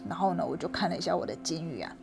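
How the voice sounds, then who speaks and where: A woman's voice: on the low side, animated, racing, vocal fry, over music. A woman telling a children's story aloud, chatty and asking her young listener questions, dropping in English words.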